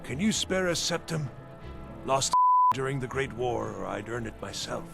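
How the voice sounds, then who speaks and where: A man voicing a bitter, down-and-out beggar in a fantasy game, with a gravelly voice. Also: mid-range voice, very animated, moderate pace, loud music behind the voice. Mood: pleading. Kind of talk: scripted game character dialogue.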